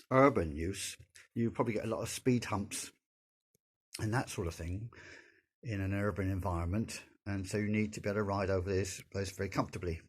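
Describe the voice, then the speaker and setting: In a garage setting, an older man with a fairly low, scratchy, sore-sounding voice casually talks through a motorcycle for his vlog. He keeps things gentle and unhurried, pausing often and leaning on fillers.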